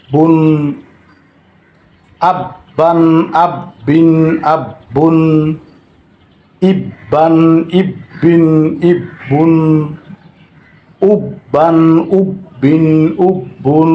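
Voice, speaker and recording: Slow, deliberate male recitation teacher. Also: a little high, mellow. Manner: slow, deliberate, drills syllables one by one. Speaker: Quran reading teacher. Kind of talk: step-by-step recitation lesson. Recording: roomy echo.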